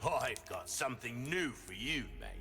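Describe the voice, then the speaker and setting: A man's voice: medium pitch, lively intonation, normal speed, lightly acted. An actor playing a sly, theatrical male weapons merchant in a video game, with a drawling, sing-song delivery. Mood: sly, welcoming. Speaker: shopkeeper character. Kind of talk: video game character dialogue. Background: game music.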